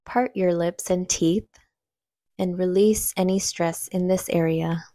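Leading a guided meditation, a woman speaks at a fairly low pitch with fairly even intonation. Her instructions are gentle and unhurried, broken by long pauses. It's clean studio sound with no room sound.

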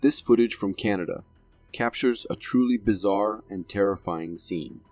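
A man narrates a video compilation from a script in a fairly low, husky voice. His delivery is formal and dramatic. The voice is recorded very dry, with faint music underneath. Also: moderate pace, no room sound.

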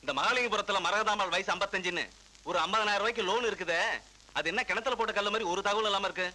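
An actor playing a demanding, officious bank manager in a film drama, questioning a subordinate. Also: male voice, high voice, quick pace, pushed and bright. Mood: stern.

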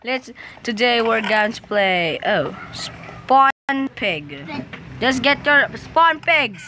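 Excitable young gaming host girl, noisy recording. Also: fairly high pitch, very slow. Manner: giggly, excitable, shrieks during play.

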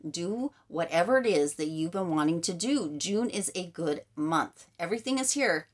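A woman's voice: lowish voice, expressive, moderate pace. A woman giving a casual tarot reading straight to the viewer, upbeat and emphatic, often repeating her catchphrases. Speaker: tarot card reader.

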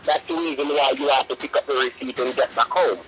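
Rushed scripted telemarketer man on the phone. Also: mid-range voice, steady tone, noisy background. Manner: rushed, insistent, repetitive scripted telemarketer patter. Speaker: telemarketer (scam caller). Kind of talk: scripted phone sales pitch. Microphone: telephone. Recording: muffled telephone call audio.

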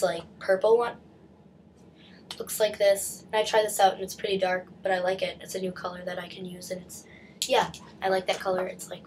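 This is a casual haul video by a teenage girl with a cold, recorded indoors in a small bedroom on a webcam at desk distance. She speaks at a medium pitch, says "like" a lot and keeps restarting, with slight background noise behind her.

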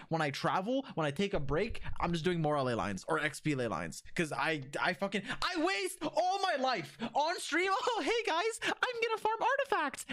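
A male game streamer talks casually to his viewers in a high voice. His pitch swings widely as he teases, swears and jumps from joking shouts to low mutters. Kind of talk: casual livestream chat with viewers.

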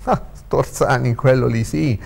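A man's voice: mid-range voice, steady tone, measured pace, gravelly, a little mellow, pitched above the performer's own voice. A man voicing a young male lawyer who talks hesitantly, full of fillers, in a read-aloud story. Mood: complaining. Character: young lawyer, uncertain and chatty.

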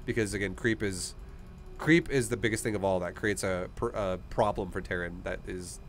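A man's voice: deep voice, moderate pace, faint music behind. A man in his thirties coaching a gamer in an informal, encouraging way, speaking into a close microphone. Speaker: gaming coach and streamer. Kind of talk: casual coaching talk. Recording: faint background noise.

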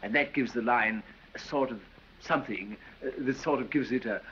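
A man's voice: mid-range voice, normal speed, a bit bright, close to an everyday voice. A man playing a foppish, affected English aristocrat with an English accent, drawling and silly, in 1930s film acting. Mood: foppish banter. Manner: drawling, silly, laughs at his own jokes. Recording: dull 1930s film soundtrack with faint hiss.

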